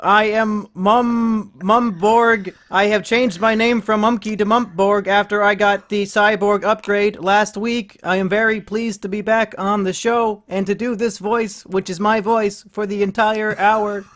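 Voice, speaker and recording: A man putting on a flat robot cyborg voice. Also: high-pitched, measured pace, hardly any pauses. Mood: deadpan robotic. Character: stiff male cyborg speaking in beeps. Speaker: podcast co-host. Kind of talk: comedic podcast bit.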